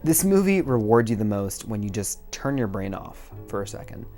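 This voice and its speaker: Over background music, a young adult man hosts a video essay while getting progressively drunker, rambling casually with swearing and self-deprecating asides. His warm, lowish voice swings widely in pitch at a moderate pace.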